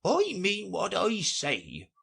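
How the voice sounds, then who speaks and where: A mournful storybook Mock Turtle, lifted far above the reader's own low register. Each phrase stretches out slowly with a husky, oddly coloured tone. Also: male voice, wildly swooping pitch, bright, forceful tone, exaggerated voice. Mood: mournful, drawn-out. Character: melancholy creature, mock turtle, sad and slow.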